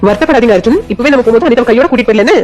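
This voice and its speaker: Woman doing a steady young village woman for a cartoon, Kanyakumari Tamil accent, rapid-fire delivery, a little off-mic. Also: a little high, faint music behind, pitched below the performer's own voice, natural voice. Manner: steady, reassuring, takes charge.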